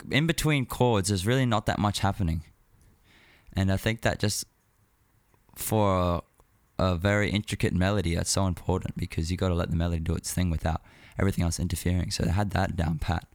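A man hosting a music show, talking casually on his own in an informal, halting, rambling way. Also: deep voice, dry recording. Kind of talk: casual solo talk about music.

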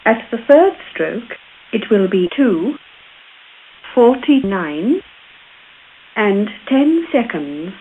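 A woman's recorded speaking-clock announcement, made of separate words spliced together, measured and formal. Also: mid-range voice, sing-song, phone-quality sound. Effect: recorded words spliced together into time announcements. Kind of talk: announcing the time.

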